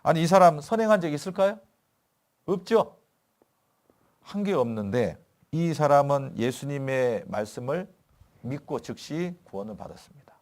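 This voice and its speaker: A man's voice: fairly high pitch, expressive, darkish tone. A man preaching a sermon as pastor, asking his listeners questions and answering them himself. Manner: reads scripture slowly and deliberately. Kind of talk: sermon at a Bible lecture.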